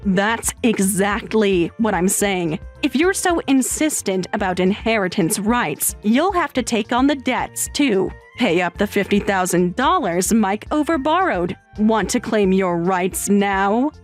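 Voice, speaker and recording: A woman voicing a stern, scornful sister-in-law in a dramatized text story, low and measured. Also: lively intonation, faint music behind, natural voice.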